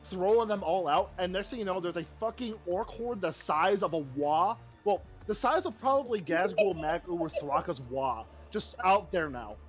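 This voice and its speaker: Excitable man on lo-fi podcast audio. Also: high-pitched, normal speed, few pauses, soft background music. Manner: excitable, swears freely, repeats himself. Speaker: podcast co-host. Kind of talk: casual chat.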